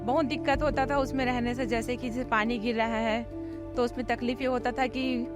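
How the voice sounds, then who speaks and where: A woman from a district in central India, calmly explaining her situation as a resident in a vox-pop testimonial. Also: fairly high pitch, brisk. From Durg district, Chhattisgarh, India. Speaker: resident interviewee. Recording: music bed under the voice.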